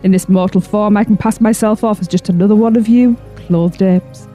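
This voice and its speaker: A woman voicing an ancient female demon who has taken over a wife's body, speaking in a slow, menacing voice. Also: fairly even intonation, dark tone, soft background music, natural voice. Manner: slow, menacing, low and grand. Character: ancient female demon possessing a wife, gloating.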